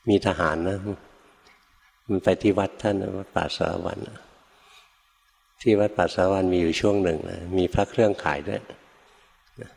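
Monk teacher, fairly low male voice, folksy storyteller addressing the audience, long hall echo. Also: steady tone, normal speed, creaky, long pauses, darkish tone. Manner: folksy storytelling with rhetorical questions to listeners. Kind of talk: dhamma talk to a live audience.

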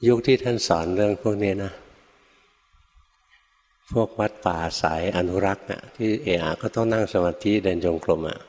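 Man, Buddhist monk, dhamma talk, storytelling, rhetorical questions, lowish voice, echoey hall. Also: a little mellow. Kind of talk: dhamma talk to a live audience. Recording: long hall reverb.

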